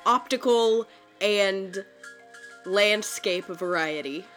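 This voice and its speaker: A woman's voice: mid-range voice, very slow, a bit bright, faint music behind. Wry, congested woman chatting. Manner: wry, joking asides. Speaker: podcast co-host. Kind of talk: casual chat.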